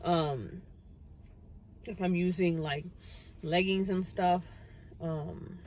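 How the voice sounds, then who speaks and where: A woman's voice: on the low side, fairly even intonation, drawn-out words, a little mellow, a little hiss or hum, rough recording. A woman in her thirties talking casually from inside her car, rambling with plenty of fillers. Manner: chatty, rambling, many fillers. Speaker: vlogger. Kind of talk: casual chat. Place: parked car, indoors. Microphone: phone camera on the dashboard.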